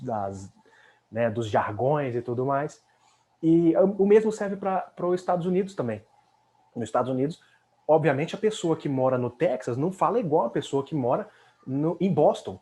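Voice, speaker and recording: A man's voice: medium pitch, darkish tone. A man from Brazil with a Brazilian Portuguese accent, giving a casual English lesson and often ending phrases with a questioning tag. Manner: chatty, fills with "né?" tag questions. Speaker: English teacher.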